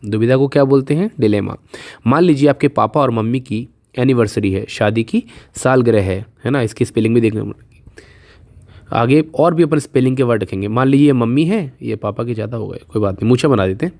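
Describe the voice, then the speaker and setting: A man's voice: mid-range voice, darkish tone. Patient man teaching spelling tricks. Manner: patient, repeats questions and answers, slows to spell out letters. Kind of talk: casual Hindi video lesson with memory tricks.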